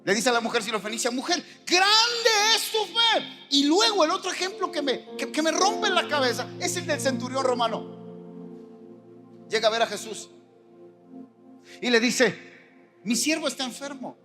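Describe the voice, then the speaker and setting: Mexican pastor, high voice, lively sermon delivery acting out voices, music playing underneath. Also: male voice, moderate pace, pauses often. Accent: Mexican Spanish. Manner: animated, acts out quoted voices. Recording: music behind the preaching.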